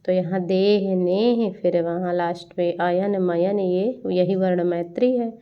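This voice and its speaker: A woman teaching a Hindi grammar lesson, reciting verse lines slowly and then explaining them. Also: on the low side, steady tone, clean tone. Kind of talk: lecture on poetic figures of speech. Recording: dull lo-fi sound.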